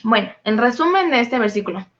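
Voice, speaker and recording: A woman with a fairly high voice leads a Bible study, patiently working through words one definition at a time. The recording sounds dull and lo-fi. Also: animated, brisk, a bit bright. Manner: methodical, listing definitions. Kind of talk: explaining scripture word meanings.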